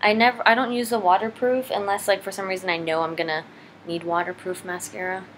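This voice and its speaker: A woman's voice: medium pitch, level tone, fairly quick. A young woman giving a casual makeup tutorial in an informal, rambling, self-deprecating way, chatting as she works. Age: young adult. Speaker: beauty vlogger. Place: indoors, living room at home. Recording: noisy home camera recording.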